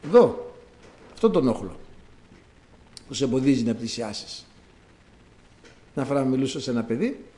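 Animated preacher in an echoing church. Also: male voice, medium pitch, long pauses. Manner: dramatic storytelling with acted-out quotes. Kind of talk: sermon.

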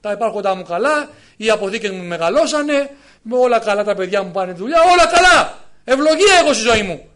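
A man's voice: sits high, lively intonation, fairly bright tone. A man in his fifties preaching a sermon, emphatic and full of rhetorical questions to the congregation. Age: 50s.

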